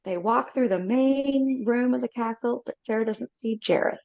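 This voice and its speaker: Reading stage directions for a film script read-through, a woman speaks at a moderate pace in a voice on the high side with some creak. She's steady apart from small slips, picked up by a computer mic on a video call with slightly dull sound.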